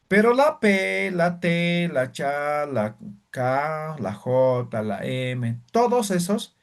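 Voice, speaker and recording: A man's voice: a little high, sing-song, extremely slow. A man teaching a language lesson, patiently repeating sounds and checking in with his students. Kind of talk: classroom lesson.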